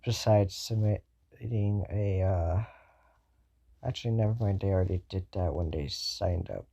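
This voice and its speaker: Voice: low voice, a little slow, creaky, dark tone. A fan storyteller improvising a what-if story, rambling with many fillers and self-corrections.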